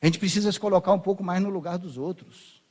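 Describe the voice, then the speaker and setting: Male Brazilian pastor, high-pitched, conversational sermon in church, plays scenes out. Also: quick pace, darkish tone. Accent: Brazilian Portuguese. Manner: conversational, acts out voices of biblical figures.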